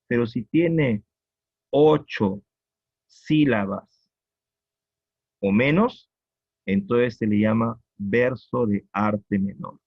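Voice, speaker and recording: A man with a Peruvian accent teaching a poetry lesson, explaining slowly and repeating each point with checking questions. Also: medium pitch, husky, no room sound. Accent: Peruvian Spanish. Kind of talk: classroom lecture on poetry. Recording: dull lo-fi recording.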